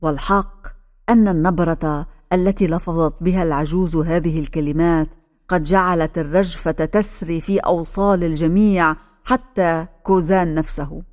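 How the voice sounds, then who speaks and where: A woman narrating a dramatic novel as an audiobook, in a measured, even manner. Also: on the low side.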